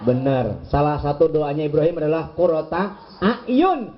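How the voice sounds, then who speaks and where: Playful preacher man, very animated pitch. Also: moderate pace. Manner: playful, teasing, acts out voices of husbands and wives. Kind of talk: lively sermon to a women's gathering. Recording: muffled lo-fi event recording.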